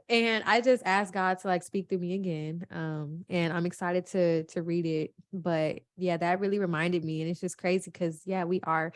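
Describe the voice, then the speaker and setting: A woman's voice: lowish voice, fairly even intonation, moderate pace, no echo. A woman, talking in a heartfelt, emotional way, close to tears. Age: 20s. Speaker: podcast co-host. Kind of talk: casual chat.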